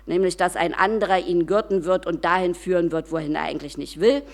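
A woman giving a personal devotional sermon, speaking conversationally and often tagging "ne" onto her sentences. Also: fairly even intonation. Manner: conversational, often adds tag question "ne"; slows and lowers voice for quiet reflective passages.

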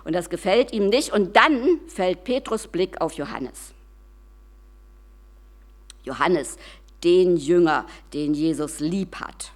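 A woman giving a personal devotional sermon, speaking conversationally and often tagging "ne" onto her sentences. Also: animated. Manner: conversational, often adds tag question "ne"; slows and lowers voice for quiet reflective passages.

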